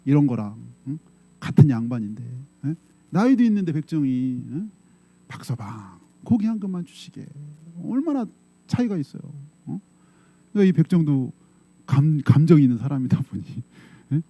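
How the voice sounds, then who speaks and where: A man's voice: a little high, big pitch swings, moderate pace, warm tone, no room sound, muffled recording. A middle-aged male pastor preaching a sermon in a conversational way. He often checks in with the congregation and acts out quoted voices. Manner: acts out quoted voices in short dramatic bursts. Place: church sanctuary.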